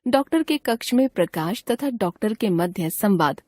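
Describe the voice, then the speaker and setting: A woman reading a grammar textbook aloud in an even, measured way. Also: mid-range voice, dry recording, clean studio sound. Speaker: textbook narrator.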